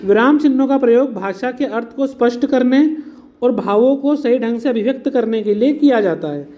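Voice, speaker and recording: A man's voice: very high voice, expressive, moderate pace, warm tone. A man teaching an exam-prep lesson, explaining patiently, mixing in English words and calling his students "beta". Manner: mixes English words into Hindi.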